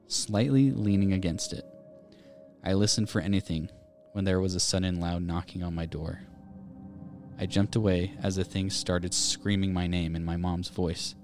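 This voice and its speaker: A man co-hosting a podcast, reading listener ghost stories aloud and chatting casually. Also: low voice. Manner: reads aloud in a steady storytelling way. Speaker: podcast co-host.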